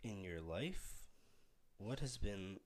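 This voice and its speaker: A man's voice: on the low side, expressive, slow. A young man co-hosting a podcast, rambling and hesitant with many ums in casual chat. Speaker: podcast co-host.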